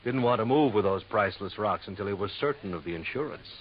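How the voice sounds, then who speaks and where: Playing a worried, businesslike insurance manager, an American actor confides and explains in a 1950s radio drama preserved on a noisy old recording, talking conversationally with hesitant asides. The voice sits low, expressive and fast, close to an everyday voice, though the audio is dull.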